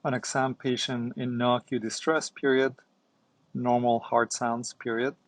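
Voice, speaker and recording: Guy dictating medical notes, clipped phrases, says the punctuation out loud, dry close sound. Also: medium pitch, little pitch movement, a little slow, no echo. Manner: clipped phrases with punctuation and commands spoken aloud. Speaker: doctor and founder demonstrating dictation.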